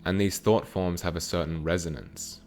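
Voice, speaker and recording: A man giving a channeled spiritual teaching with guided meditation, speaking slowly in short, measured phrases. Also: low voice, steady tone, a little mellow, faint music behind.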